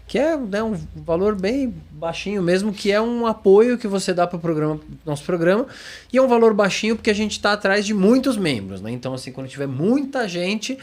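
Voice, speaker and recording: A man hosts a casual podcast in a somewhat high voice. He talks conversationally, sprinkling in quick tag questions as he explains things. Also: expressive. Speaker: podcast host.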